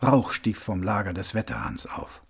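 A man reading a novel aloud as an audiobook, with dramatic, expressive storytelling. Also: on the low side, moderate pace, creaky, husky. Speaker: audiobook narrator. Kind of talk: scripted audiobook narration.

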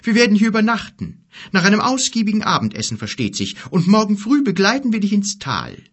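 Giant, male, quarrelsome, loud and high-pitched, played by a man, husky. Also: wildly swooping pitch, fairly quick, heavily acted. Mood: gruff, combative. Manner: threatening, combative, loud.

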